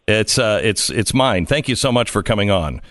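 A male talk radio host introducing and questioning a guest in a conversational way, pausing with fillers. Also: fairly low pitch, lively intonation, a bit bright, no echo, clean studio sound. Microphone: studio mic.

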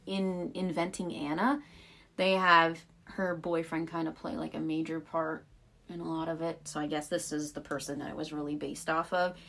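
A woman's voice: low-pitched, gravelly, pushed and bright. A young woman co-hosting a podcast, telling a story in casual chat with lots of "like" fillers. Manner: chatty storyteller, frequent "like" fillers. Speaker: podcast co-host.

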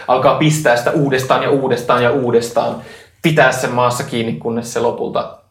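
A man at mid pitch leads a tabletop game as game master. His narration is calm and descriptive, with filler sounds between phrases. The room around his voice is echoey.

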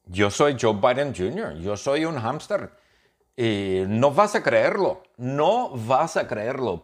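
A man doing a goofy zombie hamster. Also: mid-range voice. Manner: rambling first-person storytelling with sound effects. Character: dim zombie hamster man, cheerful about dying.

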